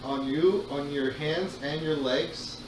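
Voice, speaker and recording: A man runs a tabletop game, narrating slowly and informally with halting phrases. His mid-pitched voice sits back from the mic in an echoey room with clear background noise. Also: recorded from a distance. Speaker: game master.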